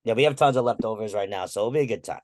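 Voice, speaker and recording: A man's voice: fairly low pitch, rapid-fire, a little mellow. A man co-hosting a podcast in casual chat, easygoing and agreeable. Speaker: podcast co-host.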